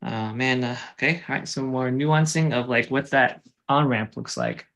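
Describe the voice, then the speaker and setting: A man's voice: mid-range voice, normal speed, vocal fry, a bit bright. A man hosting a casual chat, asking curious, playful questions.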